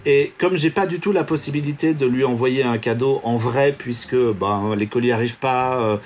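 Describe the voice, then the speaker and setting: A man co-hosts a laid-back podcast over a remote call. His voice is middle-pitched, and he explains things eagerly in long runs, with a faint hiss of ambience behind him. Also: normal speed. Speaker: podcast co-host. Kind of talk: casual chat.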